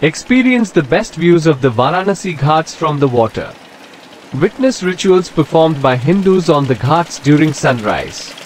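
A man giving a scripted travel narration in an even, informative guidebook manner. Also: on the high side, normal speed, a little hiss or hum. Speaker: travel vlogger.

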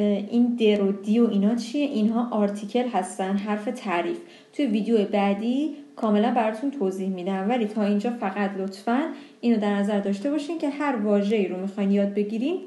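A young woman teaching a language lesson, explaining pronunciation patiently and slowing down on example words. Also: mid-range voice, dark tone.

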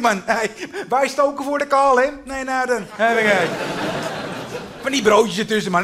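A man's voice: extremely high pitch, fairly bright tone, a little hiss or hum. A man playing a pushy, overly familiar contractor in a cabaret sketch, talking in brash, repetitive sales patter. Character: pushy chummy male contractor, upselling. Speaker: contractor inspecting a house.

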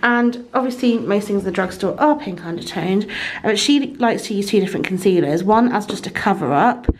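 A woman's voice: medium pitch, lively intonation, a little fast, poor audio. A woman with a British accent, a beauty vlogger chatting casually and laughing often. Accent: British English. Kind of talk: casual chat.

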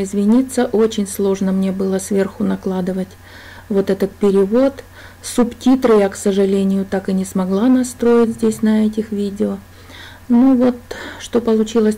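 A woman giving a slow, hesitant, apologetic voice-over commentary for her vlog. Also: medium pitch, mellow, poor audio. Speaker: vlogger and translator.

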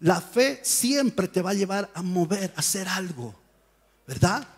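High-voiced animated male pastor, echoing hall. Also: unhurried, breathy edge. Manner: animated storytelling, acts out voices and shouts. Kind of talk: sermon. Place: church hall.

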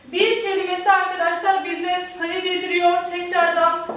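A woman's voice: extremely high pitch, normal speed, distant mic. A woman teacher giving a classroom grammar lesson, who keeps addressing her students and asks and answers her own questions. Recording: very echoey room, voice off-mic, faint noise.

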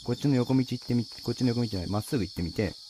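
A man's voice: mid-range voice, very fast, dark tone, husky. A man giving casual, nervous, pleading commentary as he plays a horror game, talking to himself and his viewers. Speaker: video game player and commentator.

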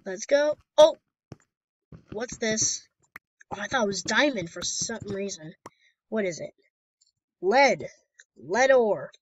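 A young woman chatting casually as she plays through a video game, giggly and quick to burst into dramatic outbursts. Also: mid-range voice, expressive, lo-fi sound. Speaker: gaming YouTuber. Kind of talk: casual let's-play commentary.

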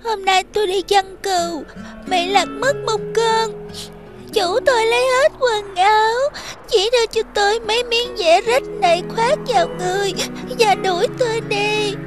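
A woman's voice: very high-pitched, fairly even intonation, moderate pace, over loud music. A tearful, shy shepherd girl. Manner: tearful, timid speech. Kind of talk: cartoon dub acting.

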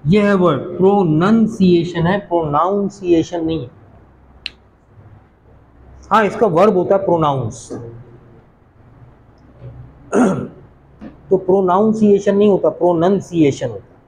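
Guy teaching in a classroom, bit high pitched, slows down and repeats words, quizzes the students. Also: lively intonation, vocal fry, a little mellow, slight background noise, poor audio. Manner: explains patiently, repeats words slowly, asks the class questions. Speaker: college teacher. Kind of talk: classroom lecture on English pronunciation.

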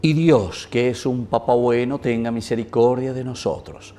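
A middle-aged priest at a chapel altar, quickly reciting the opening prayers of Mass. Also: male voice, mid-range voice, steady tone, loud music behind the voice.

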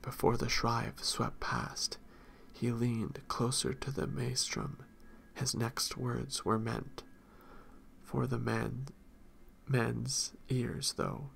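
A man reading a fantasy novel aloud in a soft-spoken voice that often drops into whispers. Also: mid-range voice, flat delivery, slow, creaky. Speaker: audiobook reader.

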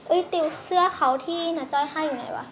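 High-voiced woman chatting through a home vlog. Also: fast talker, a bit bright, slight background noise. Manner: chatty, mixes polite endings with blunt slang; bossy toward friends off camera. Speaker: vlogger reviewing birthday gifts. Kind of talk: casual home vlog chat.

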